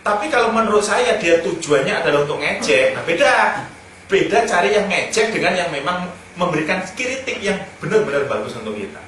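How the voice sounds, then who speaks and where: A man's voice: high voice, very animated, brisk, fairly bright tone. A man giving casual, humorous self-improvement advice, telling anecdotes and chuckling between points. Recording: very echoey room, speaker far from mic, faint noise.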